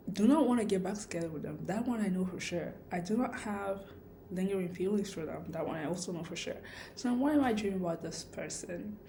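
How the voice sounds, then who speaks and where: Woman chatting casually n thinking out loud, lispy from wearing a retainer, soft warm tone, bit of noise behind. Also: mid-range voice. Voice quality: lisp from wearing clear retainer-like aligners. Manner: rambling, reflective, self-questioning. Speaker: vlogger. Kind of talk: casual personal storytelling.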